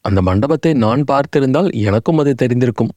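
A sharp-tongued young boatwoman with a sarcastic edge, as a man reads her. The voice remains dark and mellow. Close, dry recording. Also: mid-range voice, lively intonation, quick pace, no echo, close to an everyday voice.

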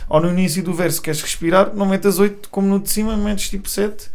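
A young man with a Portuguese accent chats as a podcast guest. His voice sits a little high, and his talk is loose and rambling, full of slang fillers. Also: steady tone, quick pace, creaky, a little mellow. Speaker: guest rapper. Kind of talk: casual podcast chat.

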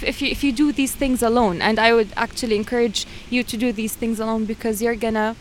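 A woman's voice: on the high side, a little hiss or hum. A woman guest in a casual interview, earnestly giving advice with repeated phrases.

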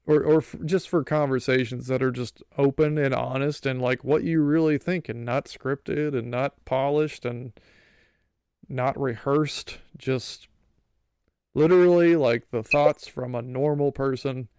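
A man's voice: mid-range voice, fairly even intonation, unhurried, a little mellow, clear, resonant tone, no room sound, clean studio sound. A man hosting a casual podcast chat, tired and sleepy, with a laid-back, agreeable manner.

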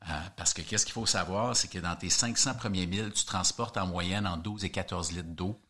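A guest hiker with a Québécois French accent tells a story in an animated interview chat, often repeating words while searching for them. He has a low-pitched voice and speaks at normal speed.

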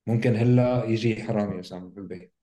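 Fast-talking mellow-voiced man. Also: fairly low pitch. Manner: relaxed, reflective, mixes English words into Arabic. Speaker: podcast co-host. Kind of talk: casual conversation about self-help.

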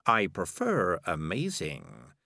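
A man's voice: deep voice, huge pitch swings, takes it slowly, gravelly, sharp tone, no echo, studio quality, pitched below the performer's own voice, full character voice. A man voicing a smug, clever talking cat with a cool, cocky manner.

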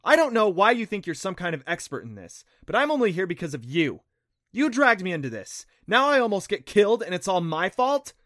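A man doing a fiery preteen girl. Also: exaggerated voice. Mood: angry. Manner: high, excitable, quick to anger. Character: spirited preteen girl, bold and touchy.

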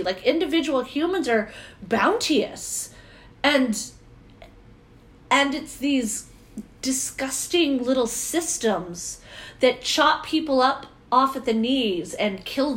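A woman co-hosting a casual chat, joking and self-deprecating as she talks. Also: high voice. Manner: jokey, animated, self-deprecating.

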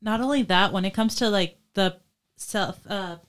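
A young woman from New York in a casual panel discussion, speaking reflectively, with her voice often dropping softer. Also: medium pitch, normal speed. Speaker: student panelist.

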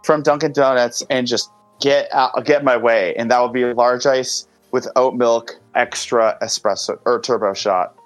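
A man in his twenties from Greater Boston, a singer-songwriter guest talking casually in an unhurried, easygoing way. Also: mid-range voice, no echo, faint music behind. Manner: relaxed, unhurried, drawn-out explanations with fillers. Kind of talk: casual interview chat.

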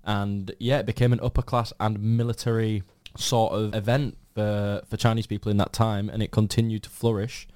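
A man's voice: on the low side, level tone, moderate pace, hardly any pauses, a little mellow, dry recording, clean studio sound. A man with a Yorkshire accent chatting casually as a podcast co-host. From Yorkshire, England. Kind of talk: casual discussion.

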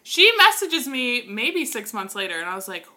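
A woman in her twenties, co-hosting a podcast and telling a family story in casual, animated chat. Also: a little high, moderate pace. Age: 20s. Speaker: podcast co-host.

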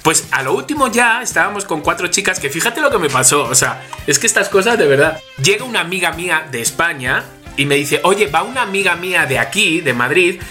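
A man with a Spanish accent from Spain, co-hosting a casual podcast chat and telling stories lively, acting out each person's lines. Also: high voice, a little fast, faint music behind. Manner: animated storyteller acting out dialogue. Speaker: podcast co-host.

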